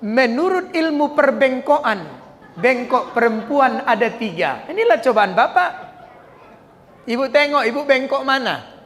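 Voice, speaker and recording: Joking preacher with a Medan accent. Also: male voice, extremely high pitch, a little slow. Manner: joking, animated storytelling, acts out characters. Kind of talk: humorous sermon. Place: mosque. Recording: long hall reverb.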